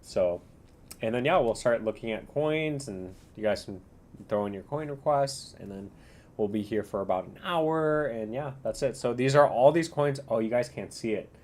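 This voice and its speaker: A man's voice: mid-range voice, moderate pace, darkish tone. Slangy, rambling man on a casual livestream. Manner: slangy bro-style talk. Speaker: livestream host reviewing cryptocurrency charts.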